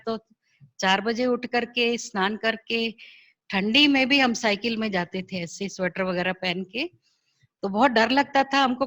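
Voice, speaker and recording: Middle-aged woman, spiritual sister, animated testimony with acted-out quotes, slightly high and bright voice, video call. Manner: lively, acts out quoted dialogue. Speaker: spiritual sister sharing her experience. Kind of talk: personal testimony storytelling.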